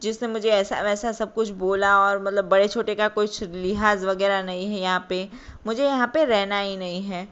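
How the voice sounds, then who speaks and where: A woman's voice: medium pitch, steady tone, moderate pace, fairly bright tone, clean tone, close to an everyday voice. A woman voicing an indignant old grandfather in a storytelling narration, insisting he will leave for his village. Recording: dull lo-fi recording.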